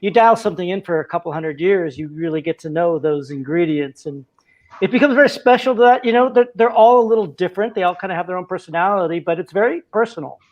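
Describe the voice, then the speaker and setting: A man's voice: high-pitched, fast, highs cut off. A man who founded a spirits brand, chatting easily in a live online talk and telling stories with some restarts. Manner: easygoing, storytelling, hesitant restarts. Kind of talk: casual live-stream chat.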